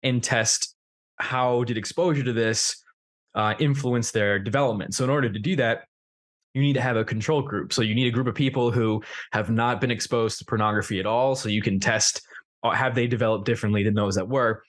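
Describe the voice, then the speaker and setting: A man's voice: medium pitch, fairly even intonation, fairly quick. A young man hosting a podcast, conversational and thoughtful, with plenty of fillers as he talks. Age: young adult. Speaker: podcast host. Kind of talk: casual podcast interview.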